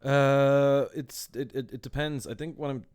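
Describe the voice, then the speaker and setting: A man's voice: medium pitch, fairly even intonation, measured pace, a little mellow, clear, resonant tone, no room sound. A man in his thirties with an accent halfway between west of Ireland and American, chatting casually on a podcast. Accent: blend of west of Ireland and American. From United States and west of Ireland. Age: 30s. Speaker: podcast host. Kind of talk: casual chat.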